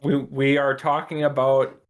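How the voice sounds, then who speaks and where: A man's voice: mid-range voice, little pitch movement, a little slow. Eager man steering a podcast chat. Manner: eager fan, steers the topic. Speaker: podcast host. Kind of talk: casual chat.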